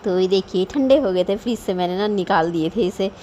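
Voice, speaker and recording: A woman's voice: medium pitch, brisk, warm tone, slight background noise. A woman in her thirties chatting at home about her day and her cooking, rambling and homely. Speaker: vlogger. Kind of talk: casual voice-over cooking vlog.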